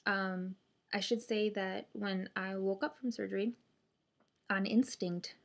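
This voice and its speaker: Female vlogger, mid-pitched, casual and hesitant, talking through a stiff, barely opening post-surgery jaw. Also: fairly even intonation, measured pace, creaky. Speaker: vlogger sharing surgery recovery update. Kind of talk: casual chat to camera.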